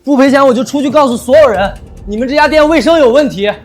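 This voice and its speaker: Loud accusing troublemaker for short drama, very high-pitched, animated, music underneath. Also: male voice, quick pace. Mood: indignant, demanding. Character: brazen whining troublemaker faking illness to extort money. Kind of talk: melodramatic short drama acting.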